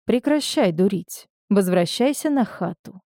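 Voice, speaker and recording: A hard-bitten, cynical ex-convict man, read by a woman narrator in an audiobook, murmuring low and coaxing before turning harsh. The delivery is slow and unhurried, with a mellow, darkish tone. It is recorded close and dry, with no room sound. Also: expressive, no echo. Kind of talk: audiobook character reading.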